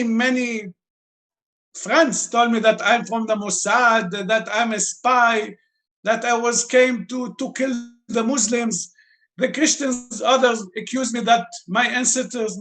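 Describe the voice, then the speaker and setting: A man's voice: very high-pitched, fairly bright tone. A man in his fifties from Lebanon, speaking English as an interview guest, searching for words and breaking his grammar. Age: 50s. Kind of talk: interview answers.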